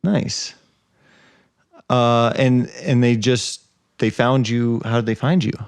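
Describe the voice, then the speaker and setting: A man hosting a music podcast, introducing the episode and asking short, brisk follow-up questions. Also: medium pitch, fairly even intonation, clean tone, dry recording. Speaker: podcast host. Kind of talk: podcast interview.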